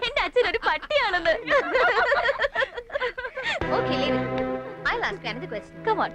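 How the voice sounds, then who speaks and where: A woman's voice: extremely high pitch, sing-song, a little slow, exaggerated voice. An actress playing a snobbish young woman who teases and mocks, mixing English phrases into her speech. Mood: teasing. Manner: mocking, teasing, mixes in English phrases. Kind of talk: film drama acting. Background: loud film music.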